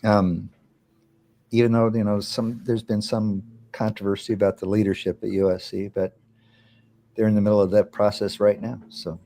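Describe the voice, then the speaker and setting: An older man, a guest on a sports talk radio show, answering in a halting, thoughtful way with many pauses and fillers. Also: on the low side, flat delivery, mellow. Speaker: guest, television executive. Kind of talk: radio interview.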